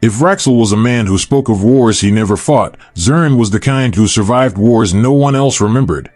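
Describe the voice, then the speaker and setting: A man's voice: fairly low pitch, expressive, moderate pace, a little mellow, no room sound. A man narrating a scripted sci-fi story with a wry, sardonic delivery. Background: faint background music.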